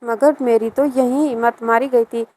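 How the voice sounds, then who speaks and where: A woman telling a scripted first-person story with a steady, even delivery. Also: a little high, poor audio.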